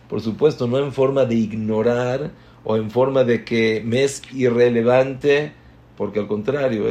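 A man giving a religious class, telling stories that move between hushed and emphatic delivery. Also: medium pitch. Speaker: religious teacher.

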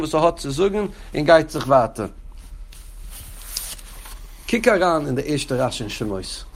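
With a voice on the high side, some vocal fry, and a little background noise, a rabbi teaches Torah to his class. Speaking to students directly by name, he chants the passages he quotes in a raised, lilting voice.

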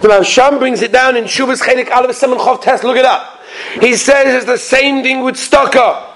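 A man's voice: very high-pitched, steady tone, moderate pace, fairly bright tone. A man with a Yiddish-influenced American accent teaching a religious class as a rabbi, in a sing-song questioning manner with emphatic repetition. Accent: Yiddish-influenced American English. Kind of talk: animated religious lesson with rhetorical questions.

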